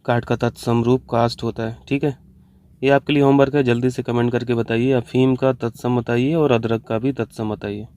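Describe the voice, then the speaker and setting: A Hindi teacher runs an online exam-prep lesson, going through the answer options one by one and slipping English terms into his Hindi explanations. His voice is mid-range with a dark tone, a moderate pace, and little pitch movement.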